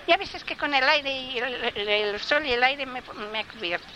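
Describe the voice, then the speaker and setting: Brief: woman putting on a high, falsely sweet, pushy envious woman; noisy field tape. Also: moderate pace, sharp tone. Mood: excuse-making.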